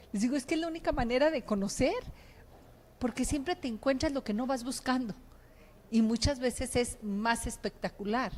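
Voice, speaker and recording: A woman with a Mexican accent hosting a casual interview, lively and chatty, often affirming her guest. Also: fairly high pitch. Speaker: host.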